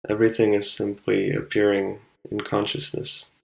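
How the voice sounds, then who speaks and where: A man guides a meditation, speaking calmly and unhurriedly, with long pauses between short instructions. His voice is fairly low-pitched with vocal fry, and the audio quality is poor.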